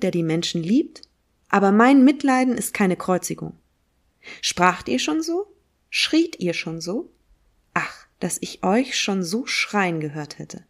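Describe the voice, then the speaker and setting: A woman reading as a fervent preaching prophet. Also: medium pitch. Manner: declamatory, emphatic and solemn. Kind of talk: dramatic reading of a philosophical text.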